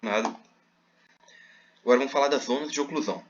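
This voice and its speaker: A man's voice: mid-range voice, fast, lo-fi sound. A man teaching a recorded class, explaining step by step with many fillers.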